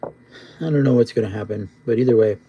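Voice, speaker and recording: A man's voice: medium pitch, quick pace, warm tone, husky, muffled recording. A man live streaming casual, rambling chat in a laid-back stoner drawl, often repeating himself. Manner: repetitive, rambling.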